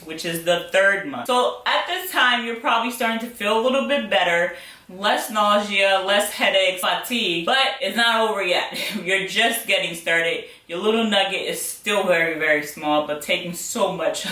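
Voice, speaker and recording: Young woman chatty vlog voice, bright, echoey room, kinda far from the mic. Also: on the low side. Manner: chatty, direct address with fillers and laughs. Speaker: budgeting vlogger. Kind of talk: casual talk to camera. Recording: roomy sound from a distance.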